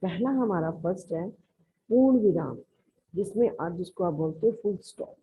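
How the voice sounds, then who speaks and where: A woman's voice: fairly low pitch, lively intonation, normal speed, warm tone, slight background noise. A woman school teacher with a Haryanvi Hindi accent, patiently explaining a grammar lesson and addressing the pupils affectionately. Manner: explains patiently, calls listeners "beta". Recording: lo-fi, narrow band.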